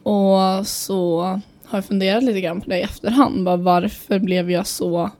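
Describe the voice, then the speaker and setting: A young woman in her twenties, a psychology student who co-hosts a podcast, chats casually while getting over a cold. She speaks at a mid-range, level tone, hesitating often, using many fillers and letting her sentences trail off softly.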